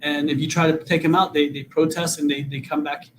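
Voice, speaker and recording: A man in his fifties, originally from Vietnam, appears as an interview guest and political candidate, speaking earnestly in a fairly high, level voice at a brisk pace. He often repeats words as he starts sentences, with slight background noise.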